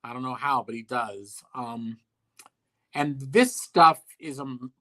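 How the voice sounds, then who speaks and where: Male sculptor guest, blunt and deadpan, bright edge to the voice. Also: medium pitch, takes it slowly. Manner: blunt, dry, profane, offhand. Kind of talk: casual interview talk.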